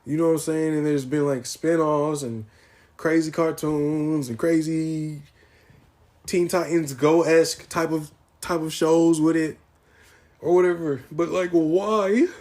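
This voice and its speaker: A young man hosts his own podcast alone, ranting in casual, profane slang with mock-dramatic grief. His voice is fairly high and a little mellow, with fairly even intonation and a measured pace.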